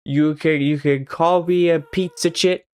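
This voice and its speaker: A man's voice: a little high, fairly even intonation, a little slow, clean tone, dry recording. A young man from Sweden, chatting casually and swearing often while streaming a game. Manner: swears a lot and laughs at his own jokes. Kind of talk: casual gaming stream chat.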